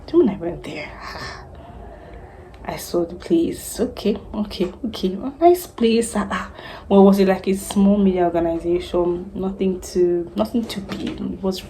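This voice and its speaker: A young Nigerian woman vlogs her career story in a chatty, animated way, with laughs between the turns. Her voice sits a little low and sounds mellow and warm. A faint hiss lies under the recording. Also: poor audio. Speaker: vlogger, news anchor. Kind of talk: casual storytime vlog.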